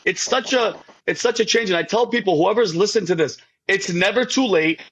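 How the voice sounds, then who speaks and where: A man's voice: sits high, brisk, fairly bright tone, slight background noise, low-quality recording. A man giving an emotional faith testimony as a podcast guest, rambling and repeating himself, often calling the host by name.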